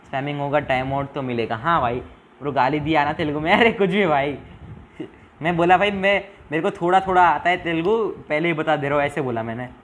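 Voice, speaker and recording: Young male streamer, chatty, begs for subs, mixes English into Hindi, voice a bit high. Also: quick pace, a bit bright, slight background noise, rough recording. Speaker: live-stream gaming host. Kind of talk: casual live-stream chat reading viewer comments.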